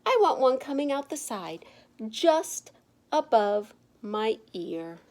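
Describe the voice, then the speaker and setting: A woman's voice: fairly high pitch, big pitch swings, takes it slowly, darkish tone, exaggerated voice. A woman voicing a stubborn, defiant little schoolgirl in a storybook reading, with firm, emphatic delivery.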